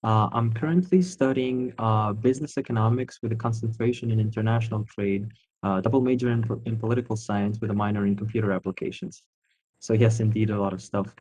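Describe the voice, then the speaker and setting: Husky young man giving a campaign speech. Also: on the low side, steady tone, fairly quick, darkish tone, low-quality recording. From Armenia, raised in Italy. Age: young adult. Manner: earnest, with many fillers. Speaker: student candidate.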